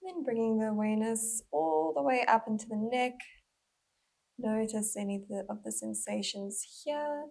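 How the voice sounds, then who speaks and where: A mindful movement instructor, a woman, guides a body scan in a gentle, unhurried way with pauses. Her voice is breathy, slightly husky, and a little high.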